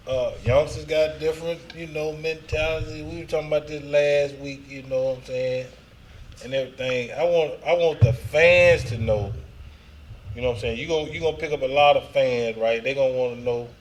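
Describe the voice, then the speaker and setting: A man co-hosting a podcast, talking in slang and slow sayings. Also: a little high, darkish tone, a little hiss or hum, low-quality recording. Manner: slangy, drawn-out, speaks in sayings. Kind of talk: casual podcast chat.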